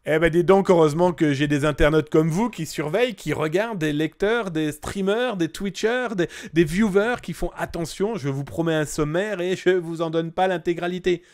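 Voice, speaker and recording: A man's voice: on the high side, normal speed, few pauses, soft background music. A man hosting a live cybersecurity news stream in a casual, jokey way, greeting viewers by name and reading their comments aloud. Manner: lively, swings between bursts and quiet asides.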